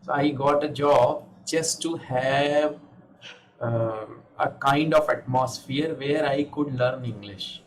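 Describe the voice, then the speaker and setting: An English teacher in his fifties from India, speaking with an Indian accent, gives a patient one-on-one lesson over a video call, repeating himself and checking understanding. His medium-pitched voice moves slowly. The call audio is echoey and noisy.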